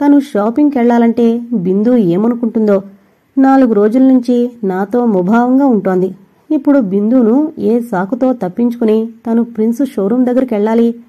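A woman narrating an audio novel in a steady, scripted storytelling reading. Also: fairly high pitch, dull audio.

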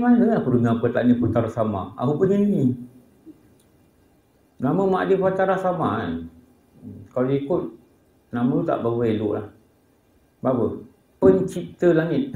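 Man, Malaysian Malay accent, religious teacher, anecdotal humor, mid pitch, roomy echo. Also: mellow, muffled recording. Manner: humorous storytelling, acts out voices of people in his stories. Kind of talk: casual religious lecture with anecdotes. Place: prayer hall. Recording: echoey prayer hall.

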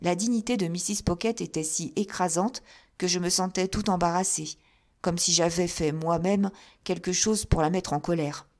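A woman narrating an audiobook of a classic novel in an even, measured storytelling manner. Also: lowish voice. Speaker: audiobook reader.

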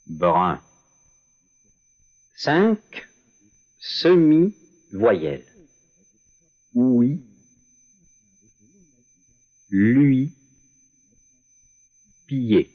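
A man reading a French pronunciation drill word by word, enunciating each sound with careful pauses. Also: medium pitch, very animated. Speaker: language course narrator. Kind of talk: slow, deliberate pronunciation drill. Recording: dull lo-fi course audio.

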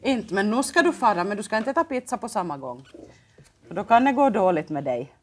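A woman's voice: medium pitch, very animated, slight background noise. A woman with a Finland Swedish accent hosting a children's TV show, coaxing the kids with cheerful, sing-song questions. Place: local TV studio.

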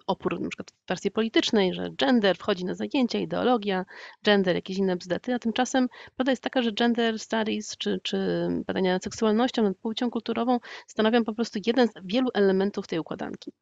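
A woman's voice: medium pitch, creaky, a little mellow, dry recording, muffled recording. A woman academic speaking on a panel discussion, thoughtful and searching for words, often restarting her phrases.

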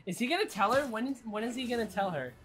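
Animated woman streamer, bright and sweary. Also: fairly high pitch, fast talker, slight background noise. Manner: profane, reacts aloud to the game. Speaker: game streamer. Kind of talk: casual gameplay commentary.

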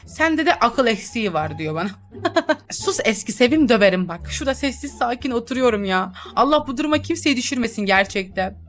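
A woman's voice: fairly high pitch, expressive, a little fast. A young woman chatting and teasing through a role-play game, laughing often as she comments. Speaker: gaming YouTuber.

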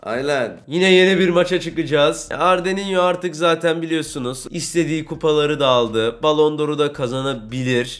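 A young man giving excited Let's Play commentary over a football video game, breaking into loud shouts and trash talk at the players. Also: fairly high pitch. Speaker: gaming YouTuber.

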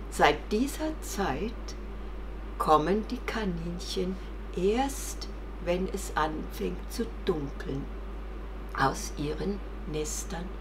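A woman telling a fairy tale to young children in a dramatic, expressive way, talking directly to them. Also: lowish voice, a little hiss or hum. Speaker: children's storyteller. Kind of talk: kamishibai storytelling for young children.

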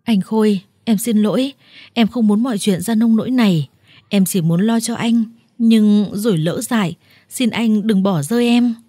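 A woman's voice: mid-range voice, moderate pace, mellow, no room sound, clean studio sound, lightly acted. A woman voicing a tearful, scheming wife who pleads in a self-pitying manner. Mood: tearful pleading.

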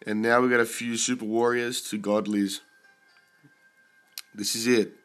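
With faint music behind him, a sick young man talks at a measured pace in a mid-range voice. He keeps clearing his throat as he casually reviews his mobile game pulls, swearing in excitement at the good ones.

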